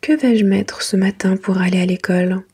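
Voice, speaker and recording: A woman reading a children's storybook in a soft, breathy library whisper, gently and without hurry, in an ASMR style. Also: medium pitch, normal speed, a little hiss or hum.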